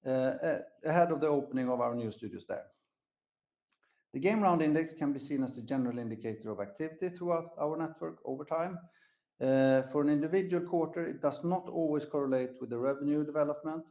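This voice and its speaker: Heard on a conference call line with dull audio, a man with a mid-range voice delivers company results. He's an executive on an earnings call, reading formal, scripted prepared remarks.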